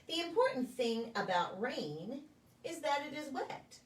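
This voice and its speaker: Very animated, the pastor reads a picture book aloud to small children, her slightly high voice swinging widely in pitch with a sing-song lilt. Her delivery is deliberate for preschoolers, and the distant microphone picks her up in an echoey room.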